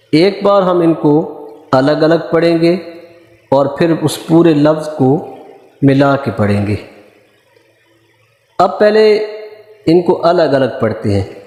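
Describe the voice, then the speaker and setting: A man with a fairly high voice teaches pronunciation, sounding out each letter slowly and deliberately. His voice rings in a room with a long, echoing reverb. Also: warm tone. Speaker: Quran reading teacher. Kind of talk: recorded pronunciation lesson.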